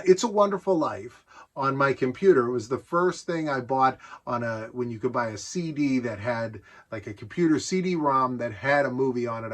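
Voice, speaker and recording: A middle-aged American man with a fairly high, fairly bright, husky voice shows off his collection of vintage gadgets. His show-and-tell is casual and nostalgic, and he rambles along conversationally with plenty of enthusiasm.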